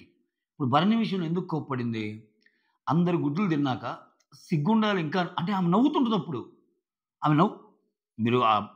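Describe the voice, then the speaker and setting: High-voiced man arguing an episode review. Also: muffled recording. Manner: emphatic, argumentative, with rhetorical questions. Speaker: reality show reviewer.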